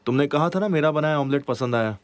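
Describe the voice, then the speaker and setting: An actor dubbing a gentle, soft-spoken middle-aged father in a drama. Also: on the high side, fast talker, smooth, no room sound, natural voice. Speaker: dubbed drama character. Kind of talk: Hindi dub of a drama.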